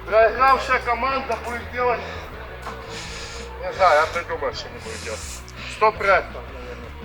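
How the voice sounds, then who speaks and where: A man's voice: high voice, animated, moderate pace, over music, low-quality recording. A man instructing a group in exercises, explaining the drills in informal, practical language. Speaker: fitness instructor.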